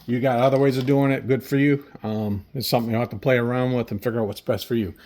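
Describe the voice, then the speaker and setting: A man's voice: mid-range voice, fairly even intonation, fast, darkish tone. A folksy, plain-spoken man casually talking through a hands-on repair as a mechanic, with machine noise behind him. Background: air compressor and workshop tool noise.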